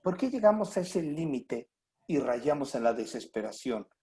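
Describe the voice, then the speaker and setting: A man's voice: mid-range voice, normal speed. A middle-aged man with a Mexican Spanish accent preaching a sermon, full of rhetorical questions and acted-out voices. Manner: animated, acts out quoted voices with rhetorical questions. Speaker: pastor.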